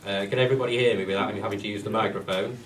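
A parish clerk, congested and bunged up with a cold, reads his report to a council meeting, going through the figures plainly and steadily with occasional asides. His lowish voice races along, picked up off-mic by a distant room mic in an echoey hall with faint hiss.

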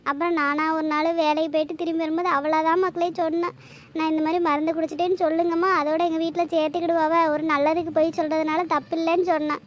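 Brief: a kindly older cartoon woman, very high and quick, apologetic and soothing. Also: flat delivery, highs cut off. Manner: pleading, soothing, repeats her pet word for him.

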